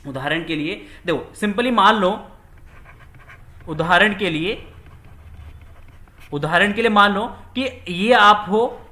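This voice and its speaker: Lively, high-voiced man teaching physics. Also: reverberant. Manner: repeats key words, asks questions and answers them himself; acts out little scenes with quoted dialogue. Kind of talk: classroom lecture.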